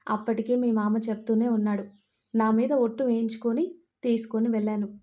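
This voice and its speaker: A woman's voice: fairly high pitch, little pitch movement, a little fast, mellow, close to an everyday voice. A woman voicing a remorseful middle-aged mother who speaks in a regretful, apologetic way in a Telugu audio story.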